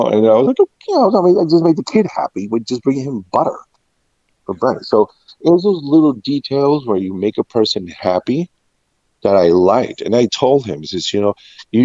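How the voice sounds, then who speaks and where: A mellow, low-register middle-aged man, a veteran of restaurants and catering, tells personal stories in an informal interview. He's reflective and anecdotal, often quoting past conversations. The sound is dull, roomy, muffled and echoey.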